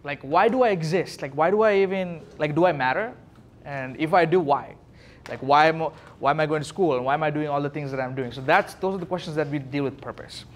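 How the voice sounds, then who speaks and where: Speaking briskly in a fairly high voice, a youth pastor from Sri Lanka leads an informal teaching session, asking questions and explaining points in a relaxed, interactive way.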